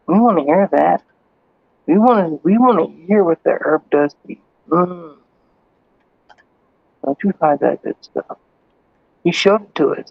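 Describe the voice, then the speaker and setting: A man with a high voice drawls slowly through a loose, profane livestream ramble, laughing often and turning loud and rowdy when he calls out to viewers. The sound is dull and lo-fi, and the voice sits dry and close with no room around it. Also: creaky, no room sound. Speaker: livestream host. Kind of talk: casual livestream chat.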